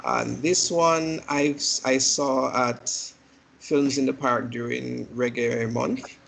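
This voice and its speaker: A man hosting an online meeting, listing films in a relaxed, hesitant way with lots of fillers. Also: mid-range voice, takes it slowly, creaky, slight background noise, poor audio. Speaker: meeting host. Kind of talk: casual meeting announcements.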